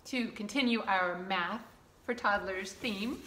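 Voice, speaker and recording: Speaking at a measured pace, this medium-pitched woman sounds bright and forceful. She is a middle-aged children's librarian running storytime for toddlers, reading aloud and counting along using short, simple phrases that repeat. The recording comes from a small indoor room with a curtain backdrop, with echo and clear background noise.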